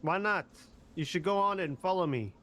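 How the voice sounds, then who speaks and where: A man's voice: high-pitched, expressive, normal speed, pushed and bright, slight background noise. Rambling man with a put-on Jersey accent. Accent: put-on New Jersey. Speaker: roleplay player as a justice department officer. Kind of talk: casual roleplay banter.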